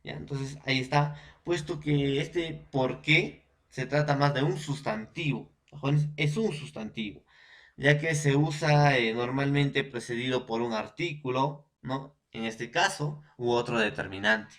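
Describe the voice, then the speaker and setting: A male teacher with a Peruvian accent explains a grammar point to his students at an ordinary, middle pitch. He talks in a repetitive, patient way, often pausing to ask whether they are following. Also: a bit bright. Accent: Peruvian Spanish. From Peru. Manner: repetitive, often checks in with "¿no?" and "entonces"; addresses students directly as "jóvenes". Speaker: language teacher. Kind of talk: recorded classroom lesson.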